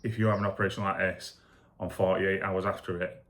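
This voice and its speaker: A man speaking candidly and casually in a rambling video diary, foggy and low on energy after surgery. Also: flat delivery, a little fast, a bit bright. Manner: rambling, candid, matter-of-fact. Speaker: vlogger recovering from shoulder surgery.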